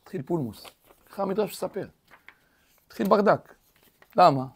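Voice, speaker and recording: A man's voice: sits high, lively intonation, husky. A man who is a rabbi giving a weekly Torah lesson in a study hall. He asks rhetorical questions, acts out quoted speech and talks straight to his listeners. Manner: addresses listeners directly.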